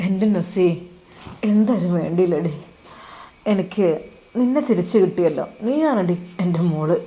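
A woman voicing a loving, remorseful young husband who talks in a soft, coaxing way. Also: animated, normal speed, natural voice. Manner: soft, coaxing, low-voiced.

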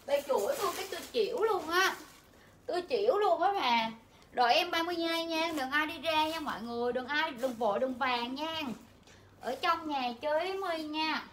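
This young woman's voice sits high against a noisy background. She's an indoor home-shop livestreamer selling clothing, chatty and pushy, never stopping her talk as she addresses viewers and promotes deals.

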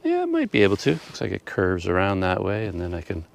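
Low-voiced middle-aged man vlogging. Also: huge pitch swings, quick pace, gravelly. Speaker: travel vlogger. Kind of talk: casual unscripted vlog commentary. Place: outdoors on open countryside paths and roads.

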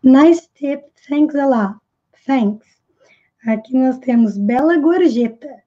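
A woman with a Brazilian Portuguese accent speaks in a high, mellow voice as she teaches English, carefully slowing down to repeat each English phrase and then translating it. The recording sounds a little dull. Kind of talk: language lesson.

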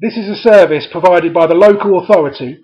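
A man in a community media presenter's role reads a letter aloud, cutting in with sarcastic, scoffing comments. His voice sits a little high. The recording is dull and lo-fi. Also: fast talker.

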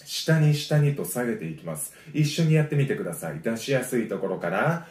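A man teaching a voice lesson. He gives friendly, encouraging explanations and breaks them up with sustained low sung vowels. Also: lively intonation, fairly quick, a little mellow. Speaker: voice trainer. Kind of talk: vocal lesson. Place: home. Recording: roomy echo.

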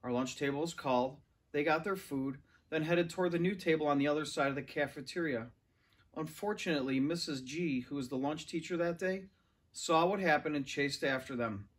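Recorded by a camera or phone set a few metres off, a man of about forty reads aloud from a children's novel. He's indoors in a large furnished living room, and his voice is a little high and a little fast.

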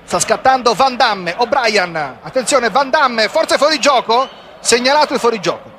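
A man with an Italian accent giving breathless, excited live goal commentary on a football match. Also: extremely high pitch, normal speed. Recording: loud stadium crowd noise behind. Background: roaring football stadium crowd.

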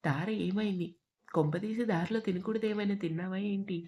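An amused, motherly sister-in-law in a spoken love story, read by a woman. She teases softly and kindly. The tone is mellow. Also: medium pitch, brisk, close to an everyday voice. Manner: gently teasing, motherly.

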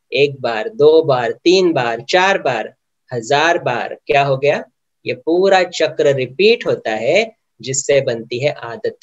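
High-voiced man teaching, questioning listeners. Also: lo-fi sound. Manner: asks the audience many questions; mixes English words into Hindi. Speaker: meditation teacher. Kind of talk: spiritual lecture.

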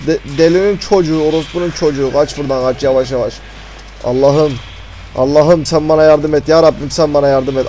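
A man commentating a horror game, panicky and swearing, muttering prayers and often dropping to a hushed voice. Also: a little high, a little hiss or hum, low-quality recording. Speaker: gamer.

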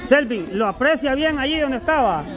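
A man hosting an outdoor group game, loudly explaining the rules and calling out commands to the players. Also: extremely high pitch, moderate pace. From El Salvador. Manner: loud, animated, bossy calling of rules and commands. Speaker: game host. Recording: outdoor crowd chatter behind.

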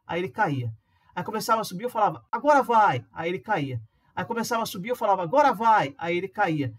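A man with a Brazilian Portuguese accent gives a casual, chatty tutorial on reading charts as an amateur trader. He checks in with listeners using quick tags and acts out their questions. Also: high voice, animated, fairly bright tone. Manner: acts out viewers' questions in a livelier voice. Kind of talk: casual screen-recorded tutorial.

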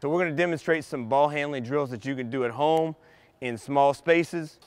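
A middle-aged man coaching basketball, calmly explaining drills step by step to young players in a large empty indoor arena. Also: fairly high pitch, normal speed, clean tone, no echo. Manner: patient step-by-step explaining to kids. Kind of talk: instructional clinic demonstration.

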